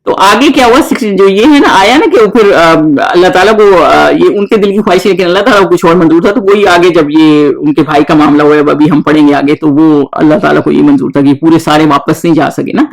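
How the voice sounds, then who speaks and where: A man teaching a verse-by-verse Quran lesson. He reads the Arabic verses slowly, then explains them informally with many pauses. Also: on the high side, vocal fry, poor audio.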